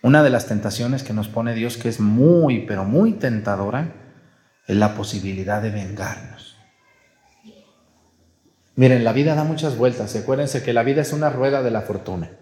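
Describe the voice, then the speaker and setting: Delivering his Mass sermon at a moderate pace, a Mexican priest speaks conversationally, frequently asking the congregation questions and using playful voices for quotes. His mellow, mid-pitched voice echoes through a large church with long, trailing reverb.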